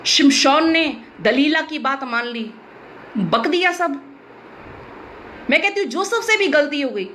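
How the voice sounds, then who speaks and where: A woman's voice: sits high, expressive, unhurried, pauses often, bright, forceful tone, slight background noise. An Indian woman pastor preaching a sermon in an emphatic, blunt way with teasing humor.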